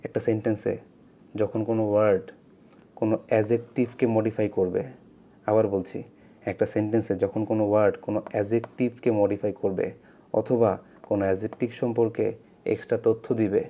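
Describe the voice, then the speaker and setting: A man teaching an English grammar lesson, repeating key points, drawing out words slowly and asking his learners questions. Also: on the low side, mellow.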